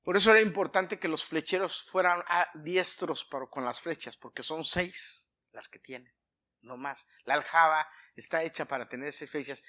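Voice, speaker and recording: Male pastor, bright forceful voice, a bit high, emphatic preaching with throat clearing. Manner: preaching with emphatic swings in volume and pitch. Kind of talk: sermon.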